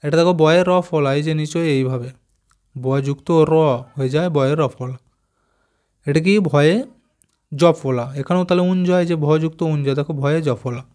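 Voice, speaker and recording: A slightly higher-pitched man teaches young pupils, breaking each word into its letters with patient, careful stress. He pauses to quiz them and then gives the answer himself. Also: darkish tone. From West Bengal, India. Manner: slow, careful spelling out of letters, asks pupils questions. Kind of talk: explaining a primary school textbook.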